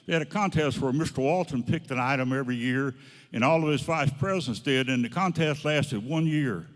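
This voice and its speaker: Casual: guy spinning a folksy story, lots of "he goes, I said", mid-pitched voice ringing through a big echoey hall. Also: fairly quick. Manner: folksy, long chains of "he goes, I said". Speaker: guest speaker. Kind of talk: anecdotal storytelling talk. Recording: long hall reverb.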